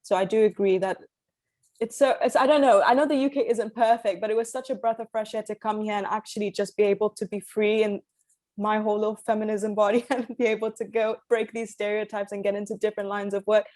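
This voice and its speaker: A young woman from Zambia on a video call, speaking in an earnest, measured way about her experience. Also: mid-range voice, steady tone, darkish tone, no room sound. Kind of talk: casual panel chat.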